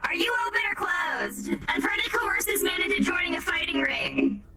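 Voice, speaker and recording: A woman's voice: very high-pitched, moderate pace. A woman roleplaying a restaurant owner, playful and teasing. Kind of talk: casual in-character roleplay chat. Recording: roomy, distant, music over it.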